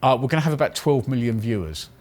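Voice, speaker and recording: A man's voice: medium pitch, animated, quick pace. English man telling a personal story. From England. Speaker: contestant recounting a speed-talking contest. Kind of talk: anecdotal first-person storytelling.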